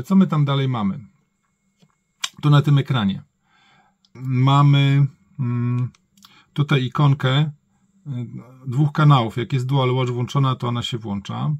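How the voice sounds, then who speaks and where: Guy doing a casual gadget review, kinda raspy n creaky, thinking out loud, dry sound. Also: mid-range voice, no room sound, muffled recording. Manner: thinks aloud, colloquial, often self-correcting. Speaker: product reviewer.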